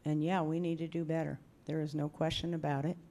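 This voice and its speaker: A woman in her sixties at a school board meeting, giving measured, formal remarks into a table microphone. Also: low-pitched. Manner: measured, steady, firm.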